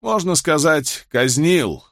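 In this audiobook reading, a man plays a scared older doctor weighed down by guilt, whose confession comes out trembling and pleading. It's a full character voice set above the narrator's natural pitch, a little high, sing-song and fairly bright, delivered slowly. The recording is dry and studio-clean.

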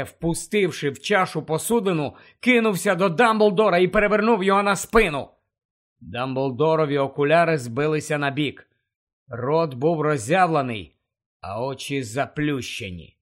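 A man with a high voice for his sex reads a fantasy audiobook with urgent, dramatic narration. He drops lower and quieter for the dark passages. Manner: tense, urgent storytelling that drops low and quiet for dark moments.

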